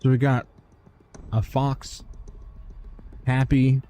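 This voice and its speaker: A man's voice: medium pitch, flat delivery, extremely slow, mellow, a little hiss or hum. A man streaming a video game, thinking aloud with wry remarks. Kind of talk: casual gameplay commentary.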